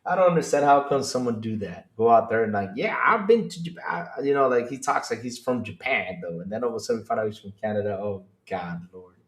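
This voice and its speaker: A man from the Dominican Republic hosting a casual gaming podcast stream, animated and laughing, moving from loud outbursts to mumbled asides. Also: fairly low pitch, fast, hardly any pauses, reverberant. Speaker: podcast host. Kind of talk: casual livestream chat.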